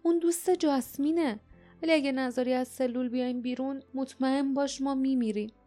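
Woman reading as an urgent young hero, raised pitch, pleading, storybook. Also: steady tone, warm tone, faint music behind, lightly acted.

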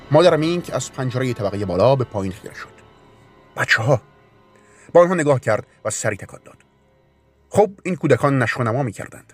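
A man reading a story aloud in a calm, measured way. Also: medium pitch, breathy edge. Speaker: narrator. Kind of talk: audiobook narration. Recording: narration with faint music bed.

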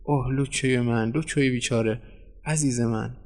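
A man doing a frantic wife, overwrought, slow weepy lines then shrieky laughs, story reading. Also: fairly high pitch, a little mellow, long reverb tail, voice pushed up, lightly acted. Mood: sobbing. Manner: wailing then giggling. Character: frantic young-ish woman, painter's wife.

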